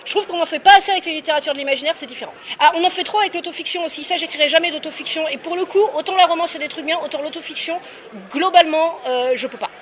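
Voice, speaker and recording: A woman's voice: very high-pitched, very fast. A young adult woman author answering interview questions casually and candidly, with lots of hesitations. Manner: lively, candid, many hesitations. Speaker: author guest.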